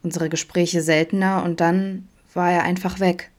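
A woman's voice: on the low side, level tone, moderate pace, close to an everyday voice. A woman voicing Vincent, a friendly, open young man with a playful, teasing way of talking, in an audiobook. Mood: earnest.

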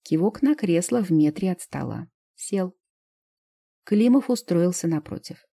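Low, husky woman narrator. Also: lively intonation, a little slow, warm tone. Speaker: audiobook narrator. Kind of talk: scripted first-person narration.

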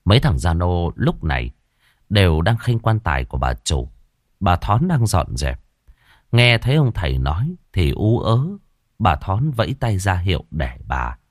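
A man with a deep, low voice tells a story with lively, rising and falling delivery. The sound is dry and close, with no room echo. He narrates expressively, leaning into each turn of the tale. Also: unhurried.

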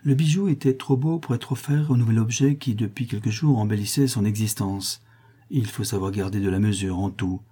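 A man narrating a literary novel as an audiobook with a steady, expressive reading. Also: fairly low pitch, brisk, breathy edge. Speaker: audiobook reader.

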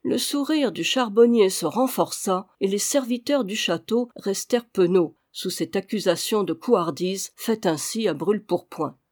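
A reader narrating a historical adventure novel in a measured way. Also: mid-range voice, a little mellow. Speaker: audiobook reader. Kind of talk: scripted narration.

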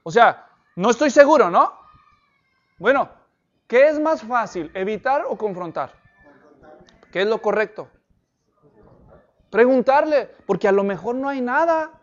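A man's voice: extremely high pitch, animated, measured pace, pauses often, muffled recording. A man preaching an expository sermon, asking the congregation questions and telling stories to illustrate his points. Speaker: pastor.

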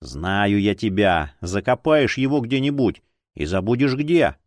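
A male narrator voices a grumpy older policewoman, a former chief, who scolds and grumbles with dry sarcasm in a lowered, drawn-out nagging tone. The performance is very animated, and the audiobook is recorded close and dry with no echo.

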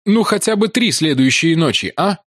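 A man voicing a haunted, grief-stricken male explorer in an audiobook, speaking urgently, at times flat and numb, in a dry, close studio sound. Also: on the high side, normal speed, dry recording, pitched above the performer's own voice. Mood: eager.

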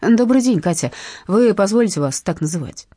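A sly, ceremonious old man on the phone, courteous on the surface and menacing underneath, as a woman reads him in an audiobook. The voice is dark and husky, with pitch that rolls up and down. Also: expressive, fairly quick, dry recording, studio quality. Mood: smoothly menacing. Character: elderly courteous male blackmailer, smooth and sly. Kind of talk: audiobook narration.

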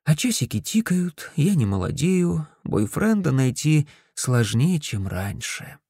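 A man's voice: a little high, big pitch swings, a little slow, warm tone, breathy edge, dry recording, clean studio sound, pitched above the performer's own voice, full character voice. A man voicing a brash, teasing older sister. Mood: lively.

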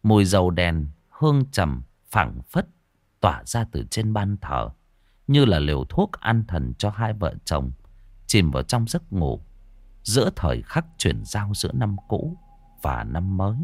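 A man narrating a ghost story in a dramatic style, dropping to a hush and then surging. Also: sits low, big pitch swings, a little slow, no room sound, studio quality. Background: faint music.

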